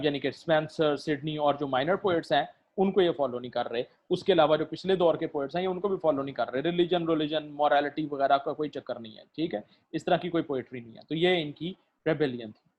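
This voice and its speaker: A man giving a literature lecture, mixing in English terms, hesitating with fillers and keeping on asking his students "right?". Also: fairly high pitch. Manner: keeps checking "theek hai?" and fills pauses with "uh", mixing in English terms. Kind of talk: recorded lecture. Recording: dull lo-fi recording.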